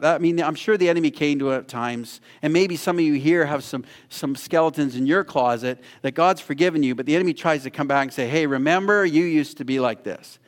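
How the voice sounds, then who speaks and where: A male preacher from Canada giving an animated sermon, often repeating words and growing louder when he urges the listeners. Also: fairly high pitch, big-room sound. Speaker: guest preacher.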